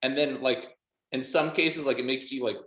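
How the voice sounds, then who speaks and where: A band musician chats casually in an interview, speaking emphatically and saying "like" and "literally" constantly. His voice is mid-range and a bit bright, at a normal speed. The recording is roomy and echoey.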